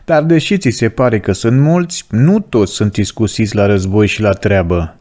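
A man's voice: on the low side, a little mellow, natural voice. A man voicing a proud male demon prince who commands a host of devils, read in a plain storytelling voice. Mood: boastful.

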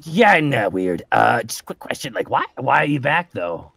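A man's voice: mid-range voice, very animated, moderate pace, gravelly, a bit bright, no room sound. A man playing a tabletop roleplaying game in casual, chatty, sweary in-character banter.

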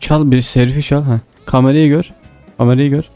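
A man's voice: medium pitch, steady tone, brisk, mellow, no room sound, faint music behind. A young man chatting casually while gaming, giving short, repeated, bossy instructions. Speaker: gamer leading pranks in online matches.

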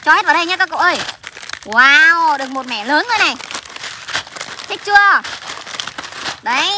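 A woman hosting a playful vlog outdoors in a farm field, chatty and excited, often calling out to her viewers. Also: sits high, normal speed. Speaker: vlog host. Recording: noisy outdoor recording.

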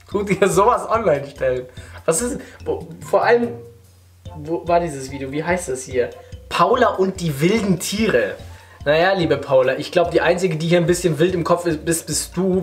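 A young man giving casual, slangy, mock-serious reaction commentary to the camera in a living room. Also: on the high side. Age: young adult. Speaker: YouTuber reacting to videos.

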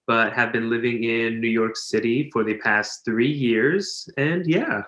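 A man's voice: mid-range voice, unhurried, fairly bright tone, roomy sound. A man in his twenties from Pennsylvania, a professional dancer, chatting as a guest with lots of ums over a video call. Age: 20s. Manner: friendly, uses lots of ums. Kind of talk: casual interview chat. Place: indoor living room. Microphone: video call webcam.

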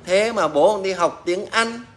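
A man's voice: high voice, a little slow, a bit bright. A middle-aged man, a mechanic ranting bluntly to fellow mechanics, mocking and swearing as he talks. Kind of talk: casual rant to fellow mechanics.

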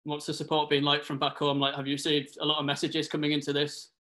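A male sports reporter asks interview questions. His pitch is on the high side with very little movement, and he talks at a steady, ordinary pace. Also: fast.

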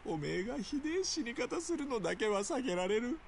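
An actor playing a desperate young male yakuza in a video game, talking in rough, blunt street speech. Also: very high voice, very animated, a little fast, a little hiss or hum, exaggerated voice. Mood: grim, pained.

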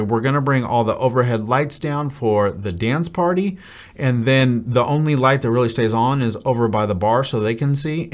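A man in his thirties, a wedding DJ, talking through a venue's event plan to camera in an upbeat, practical way. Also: medium pitch. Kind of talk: venue overview talk to camera. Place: dim studio set with brick wall.

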